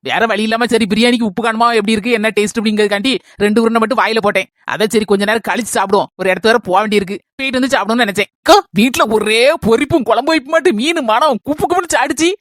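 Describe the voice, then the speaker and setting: Young village cook, Kanyakumari Tamil, woman voicing: rapid-fire, slightly high, chatty. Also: no echo, clean studio sound, lightly acted. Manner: brisk, lively chatter.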